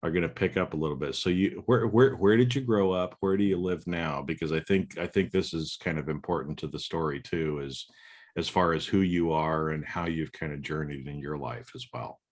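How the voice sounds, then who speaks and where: Extremely low-pitched and brisk, a male podcast host conducts a conversational interview. His questions wander, and he keeps repeating words while putting them together.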